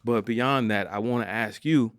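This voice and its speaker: A man hosting a podcast, earnest and reflective, quick to laugh with his guest. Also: fairly low pitch, dry recording, clean studio sound. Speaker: podcast host. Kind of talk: reflective interview chat.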